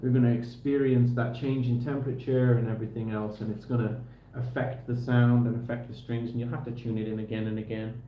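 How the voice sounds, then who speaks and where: Speaking a little fast in a level, dark-toned, mid-range voice, a man fixes a guitar on a livestream. He's easygoing and chats casually to his viewers and to himself while he works, much like a tutorial. The room echoes, and there's faint noise in the background.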